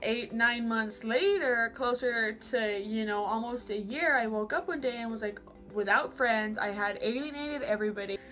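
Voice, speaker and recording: Young woman, higher voice, animated casual storytime vlogger. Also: moderate pace, hardly any pauses. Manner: animated, chatty, dramatic storytelling.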